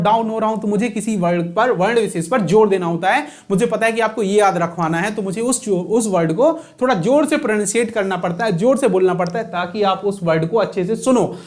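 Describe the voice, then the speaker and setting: A man teaching a grammar lesson, often repeating key terms as questions to his students. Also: sits high.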